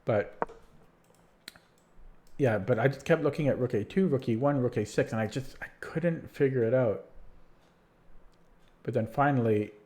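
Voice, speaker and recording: A male streamer, up late, works through chess puzzles in casual chat with his stream, his mid-range, slightly mellow voice fading. He talks at a moderate pace with frequent pauses, tired and rambling, full of restarts and fillers as he loses his voice.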